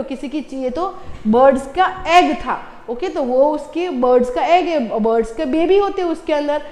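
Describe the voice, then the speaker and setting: A woman teacher reads a children's storybook slowly, line by line, and explains it for her young class. Her voice sits high and bright. The sound rings with a long, roomy echo that lingers after each phrase. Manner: keeps asking the children what happens next. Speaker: school teacher.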